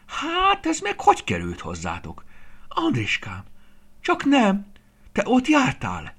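A man voicing a loving, fussy old grandmother in a children's story, calling out in a high, shrill voice. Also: sing-song, fairly bright tone. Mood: startled. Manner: high, shrill cries of worry.

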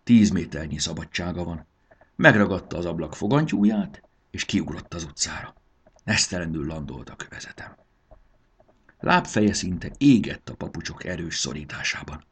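A man narrating a storybook in an expressive, sing-song telling. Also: deep voice, a little hiss or hum.

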